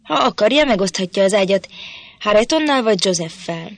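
A woman voicing a surly, gruff male farm master in a storybook reading, curt and blunt. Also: medium pitch, lively intonation, no room sound.

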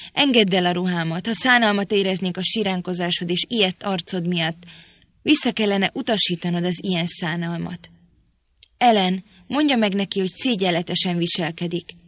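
A woman's voice: fairly low pitch, a bit bright, dry recording. A woman reading the part of a proud, impatient young woman who scolds irritably in an audiobook.

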